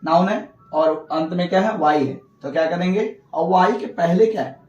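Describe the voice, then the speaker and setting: A man's voice: sits high, normal speed, darkish tone, echoey room, recorded from a distance, lo-fi sound. A male teacher explaining English grammar rules, asking questions and answering them himself. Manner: repeats rules, asks and answers own questions. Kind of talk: classroom lesson.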